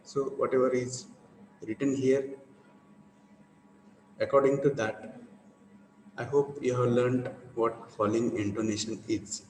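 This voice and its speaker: A man's voice: medium pitch, flat delivery, a little slow, long pauses, a little mellow, echoey room, big-room sound, slight background noise, low-quality recording. A male teacher explaining intonation to a class, repeating points and checking that students follow. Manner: repetitive, asks for confirmation. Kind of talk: classroom lecture.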